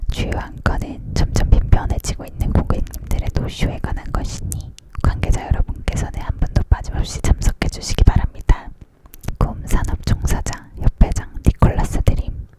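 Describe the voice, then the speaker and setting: A narrator reading a storybook aloud as an ASMR audiobook, leaning in to whisper in a hushed voice.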